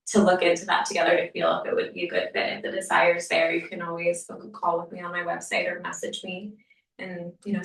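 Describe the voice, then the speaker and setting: A woman leading a somatic wellness workshop for a live group, speaking gently and often dropping to a near-whisper. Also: lowish voice. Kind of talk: workshop teaching and Q&A. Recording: echoey room, mic far off.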